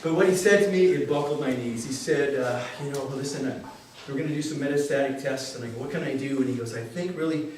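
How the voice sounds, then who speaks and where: An older man speaks candidly and earnestly before a live audience, his fairly high voice carrying a wry edge. He sounds far from the mic in a very echoey hall, with faint noise behind him. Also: a little mellow. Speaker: dentist telling a personal story. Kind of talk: story-slam talk to a live audience.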